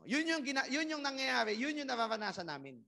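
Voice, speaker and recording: Bright high-voiced man giving a motivational talk. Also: big pitch swings, quick pace, vocal fry. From Philippines. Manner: rhetorical questions, loud emphatic rises. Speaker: network marketing trainer. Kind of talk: motivational orientation talk to a crowd.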